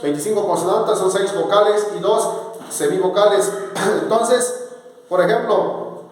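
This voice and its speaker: A man from southern Mexico, a native speaker of Zapotec, teaching an alphabet in a casual spoken lesson, drawing out syllables and tones slowly. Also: high voice. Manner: slow, drawn-out syllables and tones. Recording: echoey room with long reverb.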